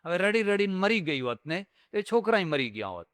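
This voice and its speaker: An older man leads a spiritual discourse, moving between anecdote and teaching in a storytelling manner. He repeats phrases to drive his point home, and his voice sits fairly high. The sound is dry and close, with little room in it. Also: big pitch swings, fairly quick, fairly bright tone, dry recording. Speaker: swami giving a religious discourse.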